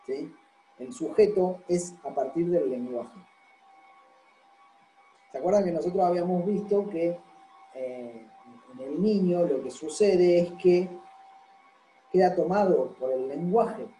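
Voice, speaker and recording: Mellow-voiced man lecturing in an echoey room. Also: high voice, takes it slowly, long pauses, a little hiss or hum. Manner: explanatory, constantly checks understanding with "¿sí?". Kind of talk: university lecture.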